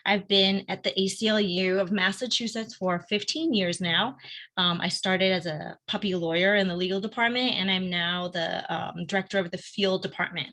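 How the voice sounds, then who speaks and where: A middle-aged woman from Argentina gives an informal, upbeat presentation as a guest speaker on a video call, often pausing with "um". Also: mid-range voice, steady tone, a bit bright. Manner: upbeat and conversational, frequent "um"s. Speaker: guest speaker, advocacy field director.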